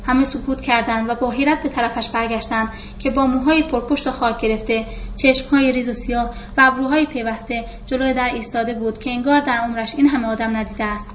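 Woman with a high voice reading a novel out loud, audiobook style, does the characters in her own voice, kinda muffled recording with a faint hiss. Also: fairly even intonation. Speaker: audiobook narrator. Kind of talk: scripted narration of a novel.

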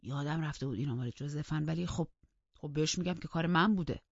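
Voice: mid-range voice, gravelly, dry recording. A narrator voicing a shy young man who speaks hesitantly, under his breath. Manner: hesitant, murmured. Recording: dull lo-fi dry recording.

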